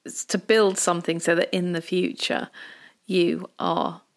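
A woman with a gravelly voice talking in a casual, loosely conversational way as a podcast co-host. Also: fairly low pitch, little pitch movement, a little slow.

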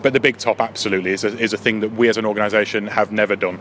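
A council head of leisure, interviewed informally inside a big top tent, explains things in a rapid-fire way with a fairly low, level, fairly bright voice, repeating words now and then. Faint on-location noise sits in the background.

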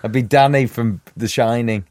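A man from Newcastle, co-hosting a podcast in animated, jokey casual chat. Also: medium pitch, moderate pace. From Newcastle, England. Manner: animated, jokey, lots of agreeing. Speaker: podcast co-host.

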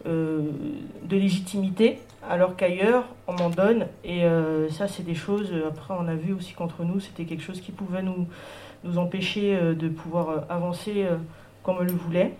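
A woman artist from French Guiana reporting back from a workshop, halting and full of fillers. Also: on the low side, warm tone. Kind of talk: spoken report to a group.

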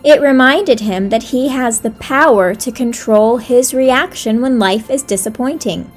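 A woman gently narrating a children's bedtime story, with soft music behind. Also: fairly high pitch, a little slow. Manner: gentle, soothing reading.

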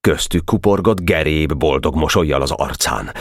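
Male audiobook narrator, very low voice, dry close sound, expressive storytelling. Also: no echo. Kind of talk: scripted literary narration.

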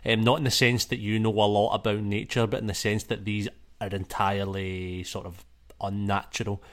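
A man's voice: lowish voice, little pitch movement, moderate pace. A man running a tabletop game as game master, narrating loosely with plenty of fillers. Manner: loose, rambling, full of fillers.

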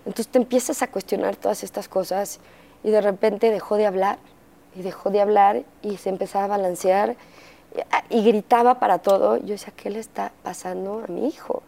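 A Mexican woman speaks openly as an interview guest, recounting her life in a candid, conversational way. Her voice is mellow and warm, and she slips in fillers while she acts out what others said. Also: medium pitch, fairly even intonation, brisk, gravelly. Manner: candid storytelling, acting out quoted dialogue, frequent fillers. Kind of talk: personal testimony in conversation.

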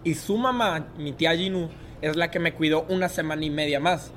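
A man's voice: a little high, fairly quick, fairly bright tone, a little hiss or hum. A young man with a Mexican Spanish accent, a guest telling a story in a casual interview and acting out other people's lines as he goes.

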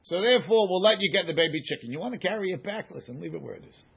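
In an informal Talmud class, a man reads the text and explains it emphatically through rapid-fire questions and answers. His high-pitched voice is animated, gravelly and slightly rough. The muffled, lo-fi recording captures him.

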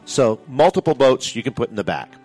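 A man working as a real estate agent, giving an upbeat, salesy property pitch on a radio show and listing features. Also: very animated, fairly quick, darkish tone, faint music behind.

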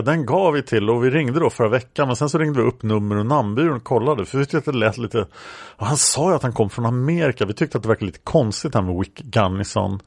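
A man reading aloud the lines of a young woman witness from an interview transcript, in a flat reading voice with the speaker labels spoken. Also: medium pitch, dry recording, lightly acted. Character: young woman witness recounting a café encounter.

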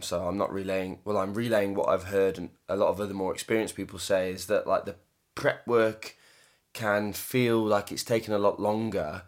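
A British man with a distinctly low voice co-hosts a podcast. He talks in a casual, conversational way. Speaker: podcast co-host, property developer.

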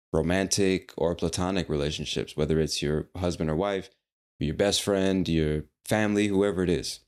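A man's voice: low-pitched, a little mellow. A man hosting a casual solo podcast, talking in a rambling, playful way with the odd swear word. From United States. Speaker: podcast host.

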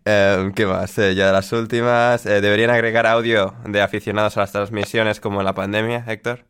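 A man from Spain hosting a casual podcast, relaxed with dry humor, reading out listener questions. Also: fairly low pitch, normal speed, clear, resonant tone, dry recording. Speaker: podcast host.

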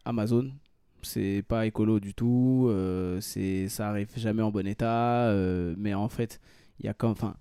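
A man's voice: fairly low pitch, fairly even intonation, measured pace, dark tone, clear, resonant tone, no echo, clean studio sound. A man co-hosting a casual podcast chat, rambling with many fillers and restarts. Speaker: podcast co-host.

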